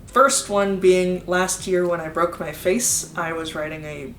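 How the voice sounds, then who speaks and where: A woman's voice: lowish voice, steady tone, a little slow, fairly bright tone, slight background noise. American woman chatting candidly in an echoey room. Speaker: YouTube creator answering viewer questions. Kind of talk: casual Q&A chat. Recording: roomy, echoing sound.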